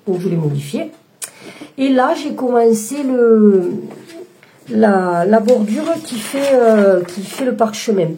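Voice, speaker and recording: Hesitant woman showing her stitching, gravelly. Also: fairly high pitch, animated, takes it slowly, mellow, slight background noise. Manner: hesitant, many fillers and restarts. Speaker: embroidery vlogger. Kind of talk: casual show-and-tell chat.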